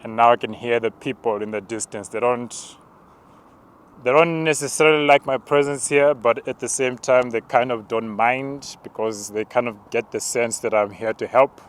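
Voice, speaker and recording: A man preacher walking outdoors and narrating spiritual visions in a hushed, halting, contemplative way. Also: medium pitch, smooth. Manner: slow, hushed, halting and contemplative, with tongues-like words. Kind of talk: spoken prayer walk, narrated visions.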